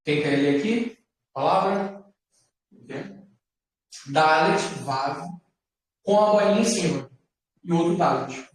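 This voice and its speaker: A man teaching Hebrew letters to a class. He talks patiently and repeats words slowly for his students. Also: fairly high pitch. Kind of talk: classroom lesson. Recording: echoey classroom from far off.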